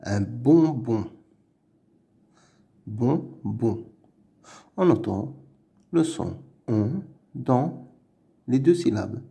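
A man slowly reading words aloud in a children's phonics lesson, repeating each word carefully. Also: mid-range voice, vocal fry, mellow, slightly rough. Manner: slow, deliberate, repeating each word syllable by syllable. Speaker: reading teacher.

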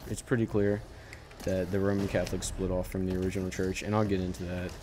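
A man with a very low, dark voice gives loose commentary over a game. He speaks in a flat, even line. He rambles and keeps restarting his sentences. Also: slight background noise. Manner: rambling, halting, self-correcting. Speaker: gaming channel host. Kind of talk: casual gameplay commentary.

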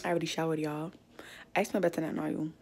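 A woman's voice: low-pitched, level tone, fast talker, noisy background. A young woman vlogging in a casual, playful way, chatting straight to her viewers as she runs errands. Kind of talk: casual vlog chat to viewers.

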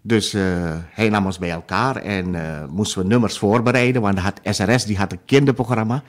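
A man's voice: on the low side, brisk. A man in his sixties from Suriname, a musician talking in an interview, hesitant with many fillers and restarts. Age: 60s. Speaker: guest musician. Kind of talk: interview conversation.

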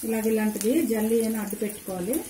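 A woman's voice: mid-range voice, level tone, rapid-fire, noisy background. A woman walks viewers through a recipe at her home stove, chatty and instructive and repeating each tip. Her voice rings in an echoey kitchen while oil sizzles and a spatula clicks against the pan. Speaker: cooking channel host. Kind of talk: home cooking demonstration.

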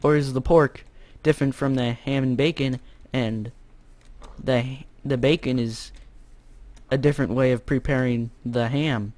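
Slow-talking young American gamer guy. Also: mid-range voice, steady tone, dry recording. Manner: chatty, jokey, bursts into loud shouts. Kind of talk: casual gameplay commentary.

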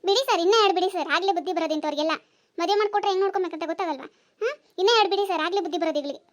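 A woman voicing a sharp-tongued mother who sides with her daughter in a cartoon. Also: very high voice, rapid-fire. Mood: scornful. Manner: scornful, bossy.

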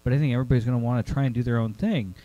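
A man's voice: mid-range voice, racing, mellow, muffled recording. A man co-writing a serial story in casual chat, rambling and joking as he thinks aloud.

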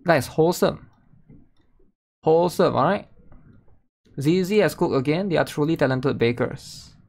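His voice is fairly high yet creaky with a darkish tone. Streaming at a desk indoors, this young man reacts casually to a game trailer with its music behind him, frequently leaning on tags like "right?" and "guys."

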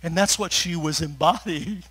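Emotional man preaching a relaxed sermon. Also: fairly high pitch, moderate pace, breathy edge, poor audio. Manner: conversational preaching with fillers and asides; gets emotional, laughs through his words. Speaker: pastor.

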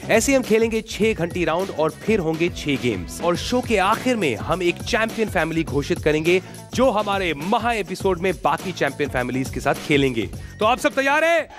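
Male game show host, high and very animated, cracks jokes at contestants. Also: normal speed, over music. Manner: joking, teasing contestants. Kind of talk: lively game show hosting. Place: TV studio stage.

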